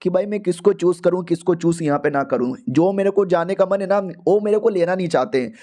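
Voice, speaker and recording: A man's voice: high-pitched, fairly quick, mellow. A man narrating a comic recap in a casual, slangy, joking storytelling style.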